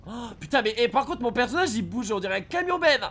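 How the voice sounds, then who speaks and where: A young man streaming a game, reacting excitedly and shouting at the action. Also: very high voice, fast, a little hiss or hum. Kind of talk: live gameplay commentary.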